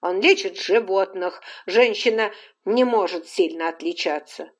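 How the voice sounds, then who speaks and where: A woman reading an audiobook and voicing a fierce, protective older mother who orders people about loudly and forcefully. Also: medium pitch, a little slow, lightly acted. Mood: angry commanding.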